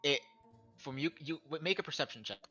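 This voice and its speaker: A man's voice: fairly high pitch, a little fast, bright, forceful tone, slightly rough, dull audio, faint music behind. A man narrating a tabletop game as game master, describing scenes with frequent restarts and self-corrections.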